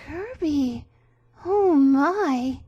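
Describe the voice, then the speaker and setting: A woman's voice: extremely high pitch, animated, unhurried, mellow, lo-fi sound, voice pushed up. A woman voicing a flustered, besotted male masked warrior in a melodramatic, hammy stage-actor manner for a dramatic story reading. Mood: alarmed.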